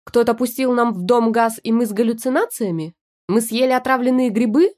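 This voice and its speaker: A woman's voice: a little high, fairly quick, a little mellow, pitched above the performer's own voice, natural voice. A woman reading the part of a panicked, accusing wife trapped in her husband's body, with a raised, agitated voice, for an audiobook.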